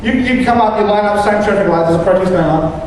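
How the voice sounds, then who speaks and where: High-voiced young man doing stand-up, echoey hall. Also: fast, darkish tone, a little hiss or hum. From New Zealand. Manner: rambling, hesitant, with many restarts and "like". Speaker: stand-up comedian. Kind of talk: stand-up comedy set. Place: comedy venue stage. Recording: echoey hall, mic picked up from a distance.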